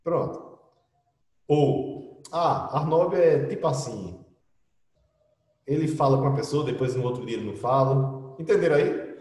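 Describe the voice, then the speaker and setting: A middle-aged man with a Brazilian Portuguese accent runs an online English class, explaining in a chatty manner with frequent tag questions. He speaks unhurriedly with long pauses and lively intonation in a medium-pitched, slightly mellow voice, recorded on a distant computer mic with roomy echo.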